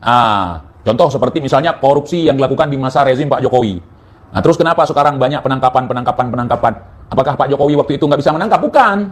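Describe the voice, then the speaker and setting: A man's voice: medium pitch, lively intonation, very fast. A man giving a political commentary monologue, mocking and declamatory, speaking straight at his target. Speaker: online commentator.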